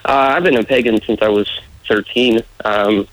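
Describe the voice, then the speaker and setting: A man from the United States, raised in various regions, speaks with a muddled American accent as a candidate in an interview, talking casually and earnestly. His voice sits on the low side with fairly even intonation and normal speed, captured in a dry, low-quality recording.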